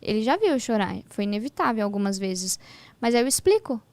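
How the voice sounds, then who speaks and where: A woman's voice: fairly high pitch, fairly quick, dry recording. A woman and mother, a podcast guest, chatting casually and telling stories in which she acts out the dialogue. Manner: animated storytelling, acting out quoted dialogue. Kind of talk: casual chat.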